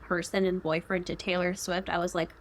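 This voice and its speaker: A young woman co-hosting a podcast, talking casually with a somewhat flat, monotone delivery. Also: lowish voice, a little fast. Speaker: podcast co-host. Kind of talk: casual chat.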